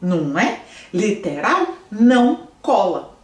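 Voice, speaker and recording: A woman's voice: medium pitch, slow, roomy sound, distant mic. A woman teaching an online language lesson, talking to her students and often checking that they follow. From Brazil. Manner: lively, asks students often. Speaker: French teacher. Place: room, in front of a screen.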